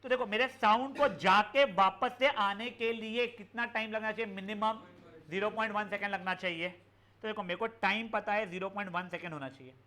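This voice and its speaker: A young man teaches physics to students in an online class. His voice sits high and sounds bright. He explains in a chatty mix of Hindi and English and calls the students "beta". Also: moderate pace. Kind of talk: live online class lecture.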